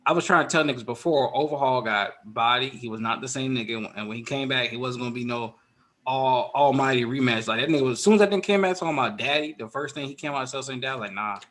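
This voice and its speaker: Fast-talking, blunt, slangy man. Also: medium pitch, a bit bright. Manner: blunt, slangy, swears freely. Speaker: podcast co-host. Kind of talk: casual chat.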